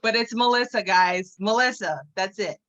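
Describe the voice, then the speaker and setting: A woman's voice: mid-range voice, moderate pace, a bit bright. A woman co-hosting a casual live-stream chat, telling stories chattily. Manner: chatty, storytelling. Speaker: co-host. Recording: dull, lo-fi sound.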